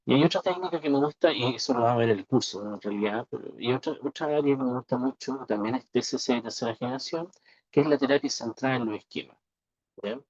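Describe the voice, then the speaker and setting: A man's voice: mid-range voice, darkish tone, slightly rough, dry recording. A man teaching an online lecture over a video call, his voice coming through distorted and half robotic, often adding tag questions. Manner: explaining, with frequent tag questions. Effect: distorted, half-robotic audio. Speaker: instructor. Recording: dull lo-fi video call audio.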